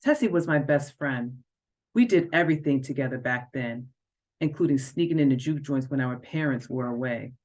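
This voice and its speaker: A woman reads an excerpt of her own novel in a low, deep voice. She tells the story expressively and lifts her pitch to stress key moments. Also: moderate pace, a little mellow. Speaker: author reading her own book. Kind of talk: reading a novel excerpt aloud.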